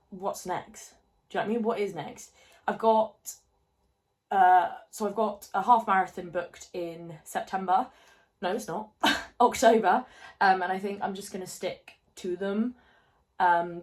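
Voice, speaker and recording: Chatty woman in her twenties. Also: on the low side. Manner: chatty, rambling, self-deprecating, lots of fillers. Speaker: fitness vlogger. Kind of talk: casual chatty get-ready-with-me vlog. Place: home, indoors. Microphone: phone camera held close.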